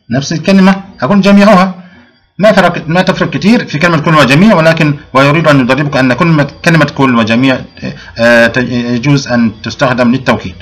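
A man's voice: a little high, a bit bright. A male grammar teacher. He explains a lesson step by step, asks his pupils questions, answers them himself, and often restarts his sentences. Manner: frequent restarts and drawn-out fillers. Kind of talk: recorded classroom lesson.

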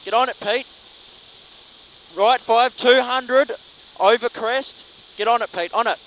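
Rally co-driver, male, high urgent voice, clipped repetitive rapid pace notes, over clear engine and road noise. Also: a bit bright, low-quality recording. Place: inside a moving rally car. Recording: in-car recording with clear vehicle noise.

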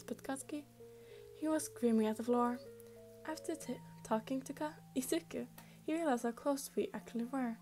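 A woman's voice: fairly high pitch, dark tone. A woman casually reading a fan story aloud, chatty, with frequent slips and restarts. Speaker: fan fiction reader.

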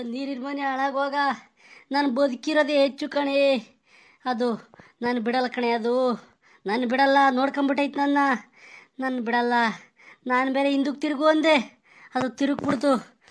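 A woman's voice: high-pitched, steady tone, unhurried, long pauses. A woman playing a terrified villager who says a ghost is haunting them, speaking in panicked, frantic repetition.

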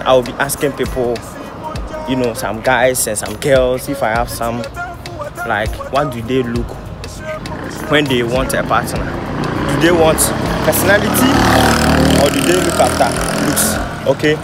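A young man from Ghana hosting a street interview outdoors, asking people questions in a teasing, animated way. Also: mid-range voice. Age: young adult. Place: outdoors in a sunny town square. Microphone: phone held at arm's length.

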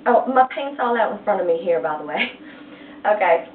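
A woman's voice: mid-range voice, animated, normal speed, slight background noise. A woman teaching a painting lesson, chatty and playful, retelling a story in slang, recorded tinny and far from the mic in an echoey room. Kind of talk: casual art lesson with storytelling.

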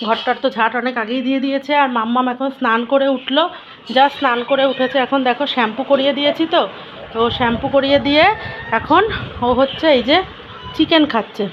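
A woman with a hoarse voice from a cold, chatting casually to viewers in a home vlog from her kitchen. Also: high-pitched, fairly bright tone, lo-fi sound. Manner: chatty, addresses viewers directly. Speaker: vlogger. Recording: noisy home recording.

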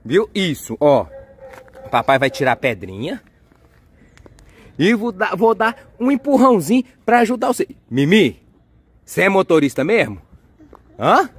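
A young father, filming his kids at play outdoors and narrating in an excitable, coaxing way. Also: high-pitched, a little slow, long pauses, husky. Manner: excitable, coaxing, cheers and exclaims often. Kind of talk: playful family vlog narration. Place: outdoors on a street and yard.

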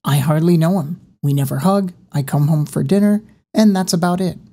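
Lady doing a cold quiet teen guy, short flat answers, low and dark. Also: moderate pace. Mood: withdrawn. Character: quiet cold teenage boy, eighteen, withdrawn.

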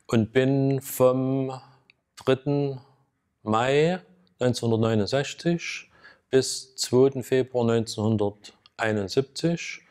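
Guy in his late 60s, smooth clear voice, calm, just the facts. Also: mid-range voice, slow pace. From Germany. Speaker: former prisoner, interviewee. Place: indoor room.

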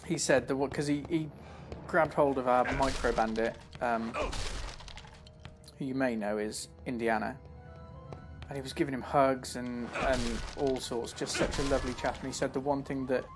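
A man chatting casually while playing a video game live, breaking into quick exclamations as he reacts. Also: medium pitch, steady tone. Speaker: streamer. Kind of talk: live gameplay commentary. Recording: game music playing behind.

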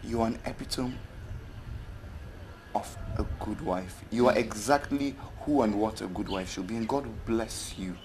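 A man's voice: medium pitch, sing-song, normal speed, a little hiss or hum, natural voice. An actor with a Nigerian accent playing a caring male friend who stammers and talks in an earnest, preachy way. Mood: tender. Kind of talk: film drama acting.

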